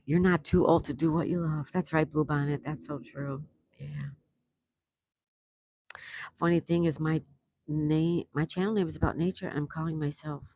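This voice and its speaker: A woman's voice: low voice, fairly even intonation, moderate pace, long pauses, dark tone. An older woman hosting a casual livestream, chatty, reading viewer comments aloud and laughing often. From South Florida, USA. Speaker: livestream host reading chat. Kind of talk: casual live-stream chat.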